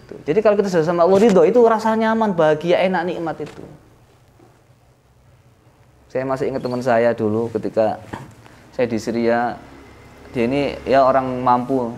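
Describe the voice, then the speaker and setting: Animated East Javanese man teaching. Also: slight background noise. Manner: lively storytelling with sudden rises in pitch and chuckles. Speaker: Islamic boarding school leader teaching a classical text. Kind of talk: informal religious lesson to students.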